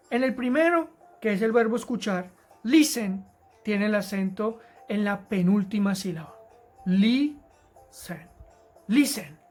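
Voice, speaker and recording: A woman teaching an English grammar lesson to Spanish-speaking students, explaining rules patiently and repeating key words slowly. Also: mid-range voice. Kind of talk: recorded grammar lesson narration.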